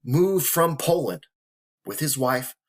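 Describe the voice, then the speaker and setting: A man's voice: medium pitch, expressive, slow. Guy in his 30s getting emotional, trying not to cry, swears a lot, really earnest, normal middle voice. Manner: earnest, emotional, profane, motivational. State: holding back tears. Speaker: vlogger. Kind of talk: personal talk to camera.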